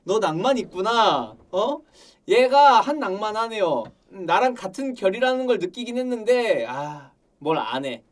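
A man streaming casual reaction commentary on a game trailer, excitable and gushing with exclamations. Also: sits high, measured pace. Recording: slightly distant mic with music behind.

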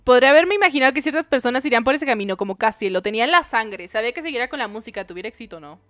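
Chatty woman streamer, slightly high. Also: lively intonation, racing, fairly bright tone, no echo. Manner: reads game dialogue aloud and reacts with jokes to chat. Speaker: streamer playing a dating game. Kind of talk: live game commentary.

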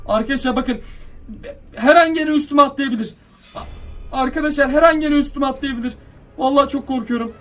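A young YouTuber speaks fairly quickly in a very high, slightly bright voice, distant and off the mic, during an excited horror-drone vlog. Frightened and jittery, he nervously describes an odd sight to viewers and mutters orders at the drone over light music.

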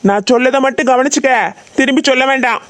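A woman's voice: high voice, fast talker, heavy background noise, natural voice. A woman voicing a stern tuition teacher in a cartoon, scolding and bossy.

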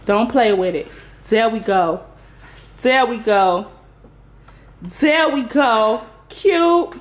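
A woman in her thirties draws out her words in a slightly high, animated voice while hosting a casual cooking vlog in her home kitchen. Playful and chatty, she greets viewers as y'all with sing-song exclamations. The sound is roomy, taken from a distant camera on a tripod.

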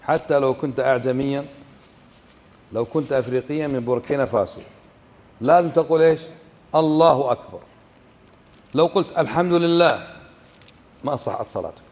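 Kuwaiti sheikh giving a lesson, middle-pitched voice, reverb from a big room. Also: male voice, brisk, pauses often, darkish tone. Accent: Kuwaiti Arabic. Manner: asks the class frequent questions and demonstrates pronunciations. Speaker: sheikh teaching fiqh. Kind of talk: religious lesson explaining a book.

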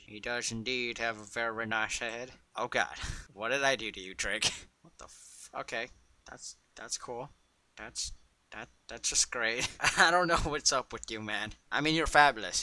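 Bright-voiced young man joking over photo edits. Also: mid-range voice.

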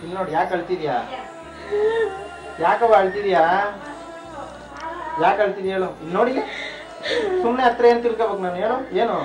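A man talks in a coaxing, teasing, soothing way at a shelter. He sounds roomy and a little away from the mic. Music plays clearly under him. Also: high voice, fairly quick, pauses often. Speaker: shelter worker comforting a resident. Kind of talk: casual chat. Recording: roomy and distant, with music over it.

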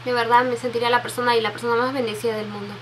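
A woman, chatting softly and answering viewer questions into a webcam, with many restarts. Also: fairly high pitch, level tone, very fast, a little hiss or hum. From Peru. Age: 20s. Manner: soft, sentimental, many restarts and fillers, reads out questions. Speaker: beauty vlogger. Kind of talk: casual Q&A tag video. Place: bedroom with makeup shelves, indoors. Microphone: webcam at desk.

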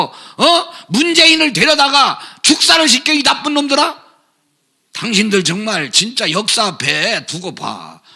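A man preaching a fiery, scolding sermon, shouting and sarcastic, swinging from loud outbursts to low mutters. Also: gravelly, breathy edge.

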